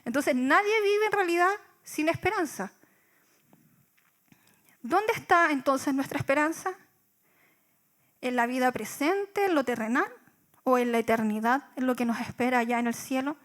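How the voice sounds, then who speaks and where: High-voiced Chilean woman preaching. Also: normal speed, long pauses, a bit bright. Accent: Chilean Spanish. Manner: reflective, with rhetorical questions and many fillers. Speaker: church speaker. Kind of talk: sermon.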